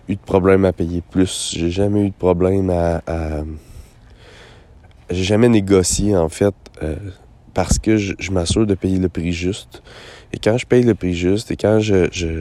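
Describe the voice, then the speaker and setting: A Quebec man speaks in a low, gravelly, hoarse voice with a dark, relaxed tone. His delivery stays fairly flat as he thinks aloud in a casual monologue, hesitating and doubling back on his words. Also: dry recording. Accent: Quebec French. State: hoarse after a late night. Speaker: host of a personal voice-memo show. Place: outdoors on a lakeside beach.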